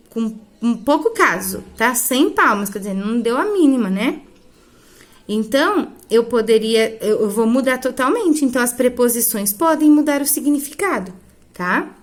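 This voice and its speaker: A woman teacher records an online grammar lesson, her voice sitting a little high. She explains each point slowly and keeps checking in with her class. She talks while writing on a board. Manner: writes on a board while talking. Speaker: schoolteacher.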